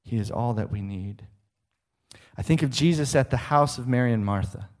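A man's voice: mid-range voice, normal speed, a little mellow. A middle-aged man preaching a sermon, emphatic and rhetorical, often checking in with the listener.

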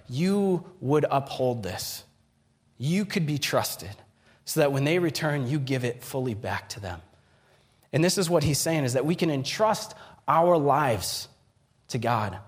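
Earnest preaching man, slightly high voice. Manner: earnest preaching with rising emphatic peaks and hushed drops. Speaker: pastor. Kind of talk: sermon.

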